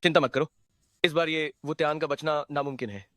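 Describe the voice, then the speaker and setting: An actor voicing a shifty, scheming ally who lays out a plot in a smooth, conspiratorial way, in a Hindi drama dub. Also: male voice, a little high, fairly even intonation, brisk, bright, forceful tone, dry recording.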